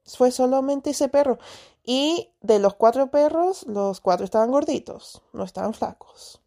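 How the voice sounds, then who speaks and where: A woman with a Chilean accent casually telling a story to her followers, slangy and lively, acting out sounds and quoting herself. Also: high voice, unhurried.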